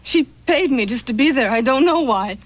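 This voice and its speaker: A frightened young singer drawn into a crime, her high voice swinging up and down as she answers warily. She sounds guarded and uneasy. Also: lively intonation, normal speed, highs cut off, slight background noise. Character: nervous young woman singer caught up in trouble.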